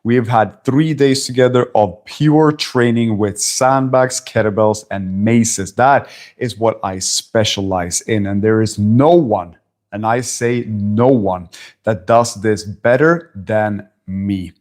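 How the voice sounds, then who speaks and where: A man's voice: fairly low pitch, slow, a little mellow. A man in his forties from Sweden, a personal trainer talking bluntly and emphatically to camera at a friend's house, swearing now and then. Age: 40s. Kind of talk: talking-head fitness vlog.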